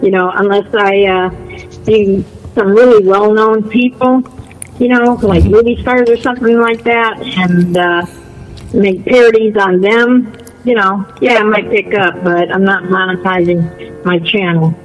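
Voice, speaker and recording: A man's voice: high-pitched, fairly even intonation, a little slow, dull audio. A man chatting casually on a call-in, insistent and defensive, often repeating himself. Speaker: online video creator.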